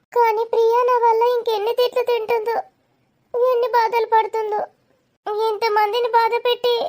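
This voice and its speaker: A woman's voice: extremely high pitch, darkish tone, voice pushed up. A woman voicing an anxious young cartoon character who blames themselves, talking in a worried, self-questioning inner monologue. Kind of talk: cartoon voice acting.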